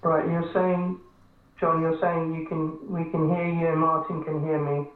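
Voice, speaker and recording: A man's voice: fairly high pitch, little pitch movement, unhurried. A man moderating a call, talking in a hesitant, apologetic way over a crackly mobile phone line. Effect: crackly phone line, calling in on a mobile. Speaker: webinar moderator. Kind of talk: casual call chat. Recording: tinny echoey phone line.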